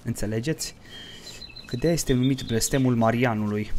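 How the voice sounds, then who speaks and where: A man's voice: medium pitch, a little mellow, slight background noise. A man giving let's play commentary, swinging between mumbled play-by-play, profane hot-tempered outbursts and jokey mock-dramatic storytelling to his viewers. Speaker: gaming streamer.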